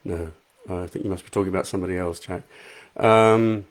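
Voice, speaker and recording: A man chats casually to live-stream viewers, answering their comments with self-deprecating warmth in a soothing, fairly low voice. His intonation is fairly even and his pace brisk. He speaks into a high quality microphone in a small, untreated room at home.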